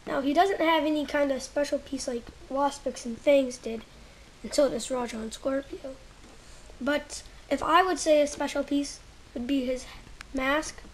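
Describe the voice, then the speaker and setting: Holding a handheld camera close, a high-voiced woman reviews toys casually at home with slight background noise. Her speech halts as she hunts for words, occasionally sinking to almost a whisper as she handles the pieces.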